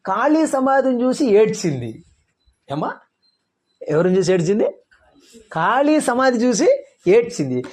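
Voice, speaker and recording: A man's voice: fairly high pitch, darkish tone, slightly rough. A man preaching a sermon as pastor, firing rhetorical questions at the congregation.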